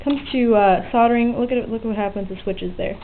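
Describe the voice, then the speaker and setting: This woman's voice is on the high side and brisk as she gives a casual, unscripted show-and-tell of her electronics hobby project, poking fun at herself and swearing a little. She's filming from a small home work area beside an open window using a handheld camera's built-in mic. The sound is tinny and band-limited with hiss, and faint outdoor weather can be heard.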